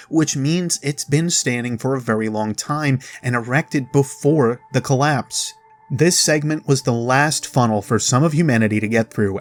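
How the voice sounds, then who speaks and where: A man with a mid-range voice hosts a video on game lore, narrating straight to the audience and using dramatic pauses. Music plays in the background.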